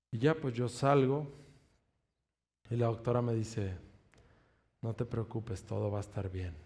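A man's voice: medium pitch, darkish tone. A man preaching a sermon, telling a personal testimony in an earnest way and stretching out emphatic declarations.

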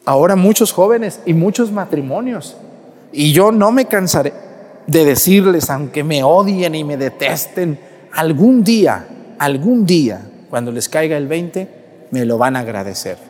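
A man's voice: on the high side, expressive, moderate pace, a little mellow. A Mexican priest preaching a sermon, scolding and mocking as he acts out little scenes for his parish. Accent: Mexican Spanish. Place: church. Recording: echoey church with long reverb.

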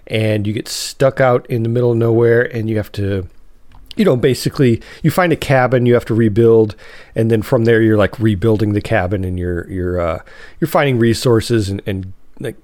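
A podcast host with a cold sounds nasal as he chats through a casual solo episode, rambling and often correcting himself. His mid-range voice has a darkish tone, with no room sound.

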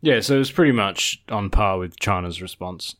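A man's voice: on the low side, expressive, normal speed, fairly bright tone. An Australian man co-hosting a podcast with casual, loose banter. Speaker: podcast co-host.

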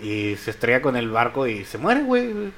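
A young Mexican man co-hosting a podcast in fast, slangy casual chat. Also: medium pitch, big pitch swings, a bit bright, a little hiss or hum. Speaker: podcast co-host.

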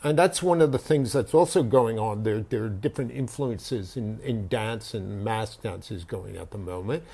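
A man explaining as a guest author in a thoughtful, halting way, often restarting his sentences. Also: fairly low pitch, gravelly, mellow, slightly rough. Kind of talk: conversational explanation.

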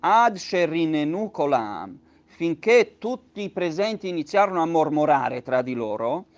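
A male teacher gives a text study lesson in a slightly raised voice. He reads out each phrase in Hebrew, then unpacks it slowly and patiently, restating each point. The recording sounds dull and lo-fi. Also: on the high side, big pitch swings. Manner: explains patiently, with many restatements.

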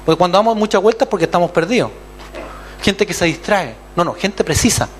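A man's voice: sits high, fast talker, a little hiss or hum. A man with a Chilean accent preaching a sermon as pastor, acting out other voices and calling for amens. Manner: animated, acts out voices and calls for amens.

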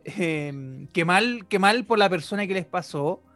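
A man's voice: high-pitched, lively intonation, unhurried, fairly bright tone, no room sound, faint music behind. A young man with a Chilean accent hosting a podcast, teasing his guest and laughing often. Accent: Chilean Spanish. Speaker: podcast host. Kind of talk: casual podcast chat.

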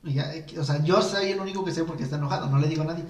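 A man's voice: fairly high pitch, racing, far from the mic. A man with a Mexican accent chatting casually on a podcast, candid and slangy, often laughing. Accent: Mexican Spanish. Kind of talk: casual chat. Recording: echoey room, a bit off-mic.

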